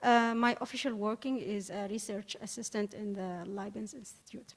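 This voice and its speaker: A woman from Syria introducing herself at an online panel. She speaks haltingly, with many fillers. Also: mid-range voice, steady tone. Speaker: panel participant, researcher. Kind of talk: self-introduction on a video call.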